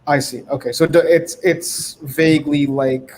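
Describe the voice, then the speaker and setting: A man's voice: fairly high pitch, fairly even intonation, a little slow, a little mellow, slight background noise, rough recording. Curious man asking technical questions. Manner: inquisitive, thinking aloud. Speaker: audience member asking questions. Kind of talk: casual questions.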